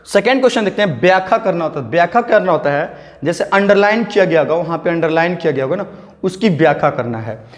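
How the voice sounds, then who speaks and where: High-voiced man teaching in a hall. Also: animated, fast. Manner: coaxing, asks and answers his own questions; mixes English words into speech. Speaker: exam prep teacher. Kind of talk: casual spoken lesson.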